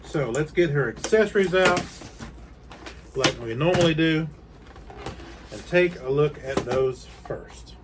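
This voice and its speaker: A man's voice: fairly high pitch, animated, slow pace, pauses often, background noise. A man hosting a casual unboxing video from a room of collectibles, chatting and rambling with frequent fillers. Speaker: toy collector host.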